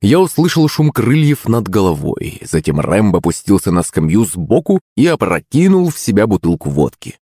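A man narrating a first-person audiobook in a lively, wry storytelling manner. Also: lowish voice, moderate pace, hardly any pauses, husky, no room sound, studio quality.

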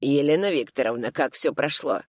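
A reader voicing a composed middle-aged male lawyer who gives clear, steely instructions. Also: mid-range voice, dry recording, close to an everyday voice. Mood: businesslike. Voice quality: measured, steely.

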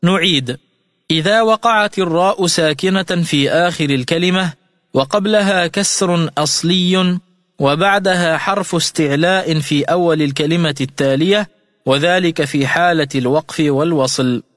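High-voiced male recitation teacher. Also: fairly bright tone. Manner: methodical, repeats each rule slowly. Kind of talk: radio lesson explaining recitation rules. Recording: studio radio voice with long reverb.

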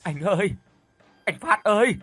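A man's voice: animated, unhurried, bright, forceful tone, faint music behind, full character voice. A man putting on a frantic grieving wife. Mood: desperate. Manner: breathless, pleading, high-pitched. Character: panicked grieving wife, middle-aged woman.

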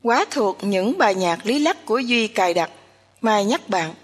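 A woman narrating a story in a steady, even reading voice. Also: medium pitch, moderate pace. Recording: long hall reverb.

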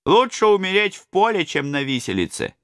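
A man voicing a band of rough outlaws in an audiobook, crying out in high raised voices. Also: very animated, brisk, fairly bright tone, no room sound, studio quality, heavily acted. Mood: stirred. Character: band of rough Russian outlaws, men of mixed ages, rousing. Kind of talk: audiobook reading.

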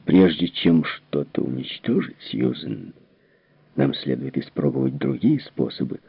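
Casting: a man doing a cautious company scientist, low and measured, audiobook reading, tinny. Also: animated, vocal fry, husky, no room sound, full character voice. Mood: reluctant. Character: cautious, grimacing male company mathematician. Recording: tinny narrow-band recording.

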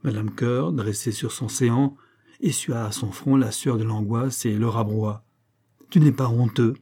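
Husky, dark-voiced male storyteller. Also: medium pitch. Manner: measured, expressive storytelling. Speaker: audiobook narrator. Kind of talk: literary audiobook reading.

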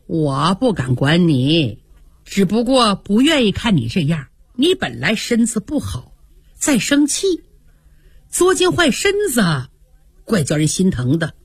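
A woman's voice: mid-range voice, very animated, measured pace, slightly rough, dry recording, clean studio sound, pitched below the performer's own voice, full character voice. A woman voicing an anxious young nobleman who coaxes and pleads earnestly, in a radio storytelling. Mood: coaxing. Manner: coaxing, earnest.

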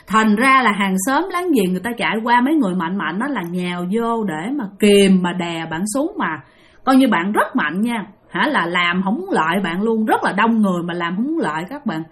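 A woman's voice: medium pitch, expressive, moderate pace. A woman with a Southern Vietnamese accent telling a ghost story, chatty and addressing listeners directly. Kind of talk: spoken ghost story narration.

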